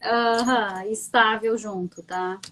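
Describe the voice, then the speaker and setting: A woman's voice: on the high side, steady tone, slow pace, fairly bright tone, slight background noise, poor audio. A woman with a southern Brazilian gaúcho accent, a coach and guest telling a personal story on a live stream in a chatty, candid way. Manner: chatty and candid, often checking in with "entende?".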